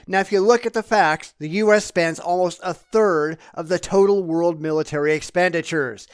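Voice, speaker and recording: A man's voice: sits high, clear, resonant tone, dry recording, clean studio sound. A man giving blunt, combative spoken commentary on quiz questions, swearing freely. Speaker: political blogger.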